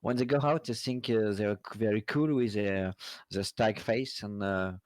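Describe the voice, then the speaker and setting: A French man speaking English with a French accent, halting and searching for words. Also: fairly low pitch, no echo, clean studio sound. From France.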